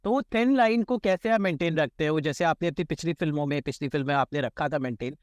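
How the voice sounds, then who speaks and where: A man's voice: fairly high pitch, fast, dry recording, clean studio sound. A man interviewing film guests, asking long winding questions with fillers.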